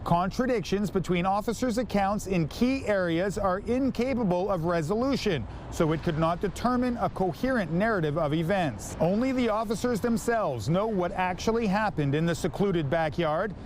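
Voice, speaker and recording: A man's voice: high-pitched, expressive, normal speed, hardly any pauses, slight background noise. A man with a Canadian accent narrating a scripted television news report as a reporter.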